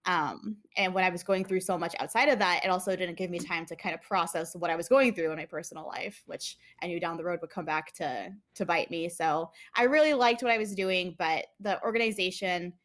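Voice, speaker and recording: A woman's voice: fairly low pitch, a little fast, few pauses, fairly bright tone. Chatty young woman, laughing often. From United States. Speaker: interview guest. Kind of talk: casual interview.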